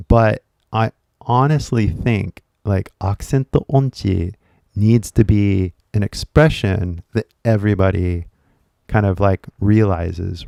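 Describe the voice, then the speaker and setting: Man, native English speaker, casual livestream teacher, lively swooping pitch, dry close sound, code-switching, laughing often. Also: creaky, dry recording.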